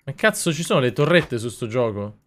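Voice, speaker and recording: A young man commenting on a video game as a streamer, swearing a lot, mocking himself and bursting into loud yells. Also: medium pitch, very animated, brisk, a little hiss or hum. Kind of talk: gaming commentary.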